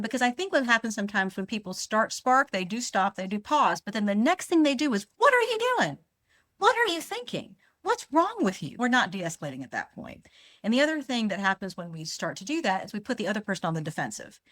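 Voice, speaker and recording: A woman's voice: mid-range voice, lively intonation, quick pace, a bit bright. A middle-aged woman physician, a podcast guest who explains conflict and acts out short example dialogues. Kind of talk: conversational podcast interview.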